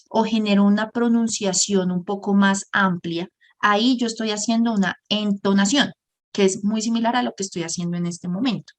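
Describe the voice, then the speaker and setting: A woman, teaching a workshop lesson on speaking skills in an explanatory way, often pausing to give examples. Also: medium pitch. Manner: explanatory, often pauses on "por ejemplo". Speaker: communication workshop instructor. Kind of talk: online lesson.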